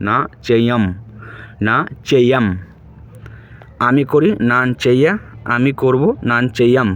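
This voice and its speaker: A man giving a casual spoken language lesson, repeating each word and often checking with "right?". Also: mid-range voice. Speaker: language teacher.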